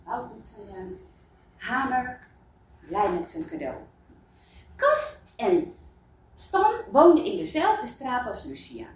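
A woman reading a children's story aloud, in an expressive storybook manner. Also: a little high. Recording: roomy, distant mic.

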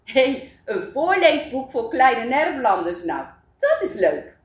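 A woman's voice: sits high, sing-song, takes it slowly, exaggerated voice. A woman voicing the mayor, a cheerful wooden doll man, with pleased storybook cheer. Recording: roomy, distant mic.

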